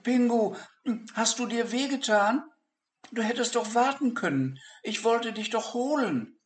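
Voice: mid-range voice, expressive, slow pace, pitched above the performer's own voice. A reader voicing a shy, wondering young boy who stammers and hesitates, in a storybook read-aloud. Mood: worried. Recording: echoey room.

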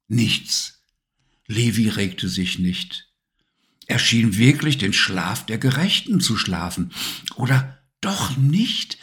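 Langsamer, ausdrucksvoller Gutenacht-Erzähler. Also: male voice, fairly low pitch. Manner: slow, expressive storytelling. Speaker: narrator. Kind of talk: bedtime story reading.

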